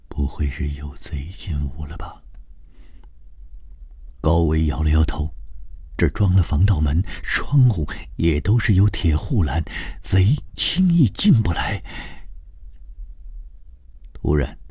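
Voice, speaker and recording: Male storyteller, very deep and husky voice, dry close studio sound, suspenseful pacing. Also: mellow, dry recording. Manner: suspenseful, measured narration. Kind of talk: long-form storytelling broadcast.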